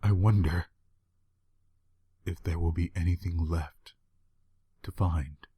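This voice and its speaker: A man reading a horror story aloud in a measured, grim way. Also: low-pitched, steady tone, warm tone, husky. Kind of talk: scripted horror narration.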